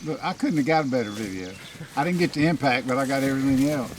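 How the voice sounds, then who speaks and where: A man, hosting a hunting show, talking in a folksy, excited way out in the field. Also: medium pitch, quick pace, rough recording. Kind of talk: casual chat in the field. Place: outdoors on farmland. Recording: faint outdoor noise.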